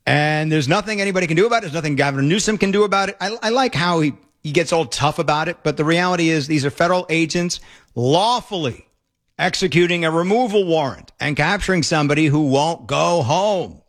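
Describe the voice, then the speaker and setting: Sarcastic high-voiced male talk radio host. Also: fairly quick. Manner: sarcastic, mocking, excitable. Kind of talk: opinionated talk radio commentary. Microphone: studio broadcast mic.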